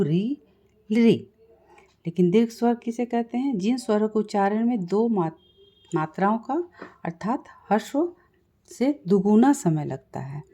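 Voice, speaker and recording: A woman teaching Sanskrit grammar, explaining slowly, repeating points and asking and answering her own questions. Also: on the high side, warm tone. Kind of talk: classroom-style lesson explanation.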